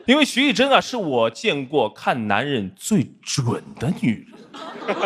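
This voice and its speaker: A middle-aged man from Shanghai delivering a self-mocking roast set with punchline timing on a studio stage. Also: medium pitch. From Shanghai, China. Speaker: roast guest comedian and actor. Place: studio stage before a live audience. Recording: loud audience laughter and noise.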